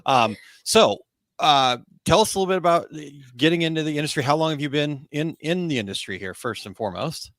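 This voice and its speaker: A man's voice: on the high side, lively intonation, brisk, fairly bright tone, no echo. Playful man co-host, dry sound. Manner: playful, laughs often, teasing. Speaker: show co-host, interviewer. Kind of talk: casual interview chat.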